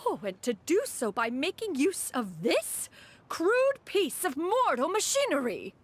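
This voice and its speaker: A woman's voice: high-pitched, very animated, measured pace. A woman voicing a proud, imperious immortal master in a video game, speaking with haughty, formal, archaic phrasing. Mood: indignant.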